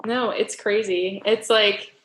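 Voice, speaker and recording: A woman's voice: mid-range voice, steady tone, slow, fairly bright tone. A young woman hosting a casual podcast chat, rambling with lots of fillers and frequent laughs. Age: young adult. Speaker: podcast host.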